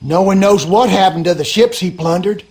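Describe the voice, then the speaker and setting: A male actor voices a gossipy, superstitious backwoods husband in a video game, speaking in a rural Louisiana Southern accent with folksy, drawling, colloquial storytelling. His voice is high and darkish, at a normal pace, lightly acted in animated game dialogue. The mood is friendly and story-driven.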